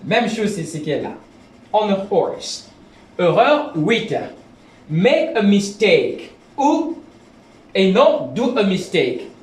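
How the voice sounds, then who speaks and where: Guy teaching english, stumbles n restarts, very animated delivery. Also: sits high, echoey room. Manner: repeats phrases, slow careful English examples; stammers and restarts. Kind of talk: video language lesson.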